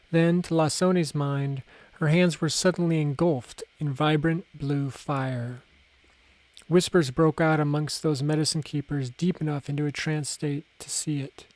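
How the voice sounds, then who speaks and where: A man narrating a fantasy audiobook in a measured, unhurried reading style. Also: a little high, fairly even intonation, a little mellow, dry recording.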